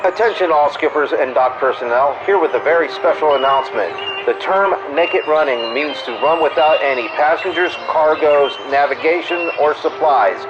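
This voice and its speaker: Playing a wisecracking jungle cruise radio host, a man reads mock-official comedy bulletins in an old-time announcer style, his delivery dry. His voice is a little high and close to everyday speech, at normal speed with hardly any pauses. The sound is muffled, lo-fi radio over music.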